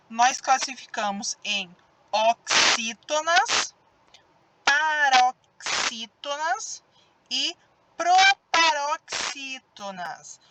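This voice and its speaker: Slow, careful Brazilian woman teacher. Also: on the high side, noisy background. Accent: Brazilian Portuguese. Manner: slow, drawn-out stressed syllables when demonstrating words. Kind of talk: recorded grammar lesson for children.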